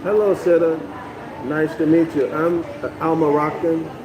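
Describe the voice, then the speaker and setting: A North American man reads a text aloud and lectures on it to a live online audience, often pausing to check in with "okay?" and "y'all" and repeating phrases as he explains. His fairly high voice is level and unhurried. The recording is low quality, with a crowd in the background.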